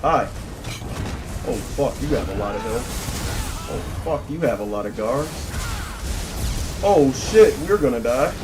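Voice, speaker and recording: A man giving excitable, trash-talking live commentary while streaming a game, swearing and bursting into laughter. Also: medium pitch, takes it slowly, pauses often, over music. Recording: noisy background.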